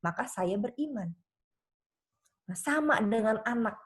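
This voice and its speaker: A woman pastor speaks at a seminar in a slightly high voice. She talks conversationally and tells stories with lots of tag phrases. When she quotes someone, her pitch springs up in playful bursts. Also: measured pace. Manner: lively storytelling that leaps high in pitch when quoting others. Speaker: pastor and speaker on children's faith. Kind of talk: seminar talk to an audience.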